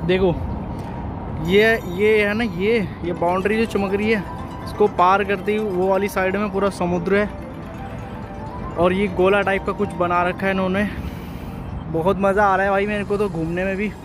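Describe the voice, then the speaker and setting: A chatty man with a high-pitched voice vlogs as he walks around outdoors and keeps calling his viewers brother. He sounds a little tired from walking. Music plays clearly beneath his voice, recorded on a handheld camera. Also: flat delivery, moderate pace, pauses often. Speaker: vlogger. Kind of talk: casual walking vlog. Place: outdoors on city streets. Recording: music playing over voice.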